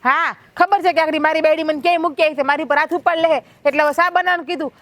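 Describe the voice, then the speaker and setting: Woman playing a village wife, high voice, fast and sarcastic, nagging her husband. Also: fairly even intonation, no echo. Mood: taunting. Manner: taunting, sharp-tongued, sarcastic. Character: sharp-tongued village wife, middle-aged. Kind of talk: village family drama.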